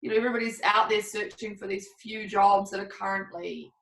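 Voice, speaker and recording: A woman's voice: mid-range voice, steady tone, brisk, gravelly, a bit bright. Roomy, distant woman chatting candidly. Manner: rambling, candid, laughs often. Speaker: podcast co-host. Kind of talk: casual chat. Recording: roomy, a bit distant from the mic.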